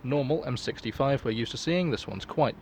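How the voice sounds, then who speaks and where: A man's voice: mid-range voice, fairly quick, darkish tone, slight background noise. A man giving a casual, unscripted product review in a rambling, offhand, sweary way. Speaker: collector and reseller reviewing gas masks.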